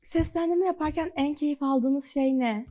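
A woman's voice: sits high, measured pace, dark tone. A woman hosting the program, asking her guests polite, curious questions. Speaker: program host. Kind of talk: interview questions.

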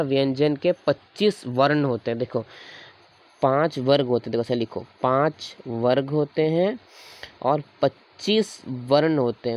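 A man with a slightly raised voice teaches a grammar lesson at an unhurried pace. He says each sound again and again as a patient demonstration. The recording is dull and lo-fi. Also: on the high side.

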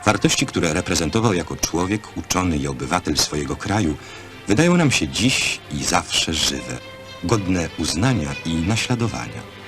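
A man's voice: deep voice, very animated, moderate pace. A man narrating an old newsreel in a solemn, formal, scripted manner. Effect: old newsreel narration over music. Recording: archive film soundtrack with loud music behind. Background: music.

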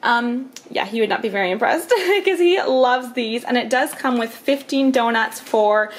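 A woman in her thirties, a vlogger and mother of five, chats casually through a grocery haul in her kitchen and living room, laughing often and filling with "um" and "like." Her voice is fairly high with lively intonation and a slightly slow pace. She's recorded on a handheld camera held at arm's length.

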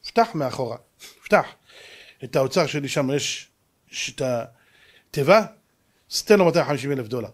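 A man's voice: medium pitch, expressive, long pauses, slightly rough, pitched below the performer's own voice. A man voicing an impatient king who barks orders, within a sermon story. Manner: brusque, barking orders. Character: commanding king out hunting, impatient.

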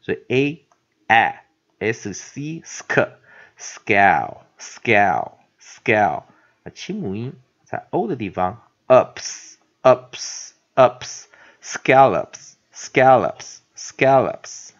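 A man with a Taiwanese Mandarin accent teaching an English phonics lesson, filling his talk with drawn-out sounds and repeating the example words slowly. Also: mid-range voice, big pitch swings, darkish tone, husky. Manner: repetitive filler particles, drawn-out example words. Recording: dull lo-fi recording.

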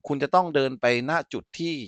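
A man runs through an informal software tutorial step by step, talking fast and often checking that his listeners are keeping up. The recording has no echo.

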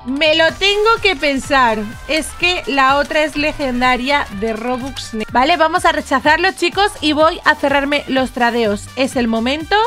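High-pitched lady gamer chatting away over trade offers, faint music behind. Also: a bit bright. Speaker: gaming YouTuber. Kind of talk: casual gameplay commentary.

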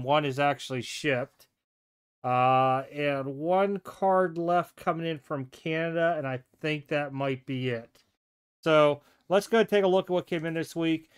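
A man's voice: on the high side, clear, resonant tone. A man casually showing off trading cards from his mail at a home desk, chatty and thinking aloud. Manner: relaxed, chatty, thinks aloud and self-corrects. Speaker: sports card collector showing mail. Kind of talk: casual show-and-tell vlog. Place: home desk with card displays, indoors.

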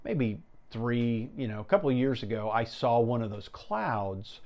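A man's voice: medium pitch, animated, unhurried, lo-fi sound. A middle-aged American man in his fifties chatting casually on a solo podcast, telling stories in a rambling, conversational way. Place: small indoor room with brick wall and shelves. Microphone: lapel mic.

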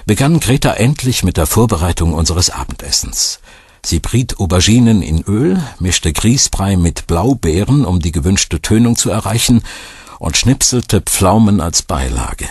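A man reads a thriller audiobook in a very deep, husky voice. His delivery is wry and expressive, with a lively rise and fall. The sound is dry and close to the microphone. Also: normal speed, dry recording. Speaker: audiobook narrator. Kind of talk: scripted narration.

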